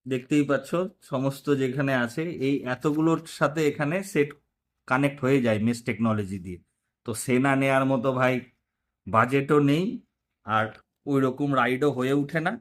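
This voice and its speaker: In a hands-on motorcycle vlog tutorial, a man talks viewers through each step in a casual, informal way. He speaks at a moderate pace in a mid-range voice.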